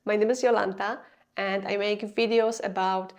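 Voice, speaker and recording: The audio is dull, and the young Polish woman's medium-pitched, darkish voice comes across flat at a normal speed. A video creator using English as her second language, she gives an earnest, confessional scripted vlog explanation with slightly non-native grammar and a Polish accent.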